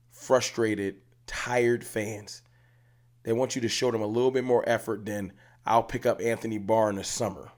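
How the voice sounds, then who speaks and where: A man with a lowish, somewhat dark voice runs a fan channel and rants passionately to the camera in casual speech. He's emphatic and keeps repeating his points to drive them home. Hats line the wall of the room behind him.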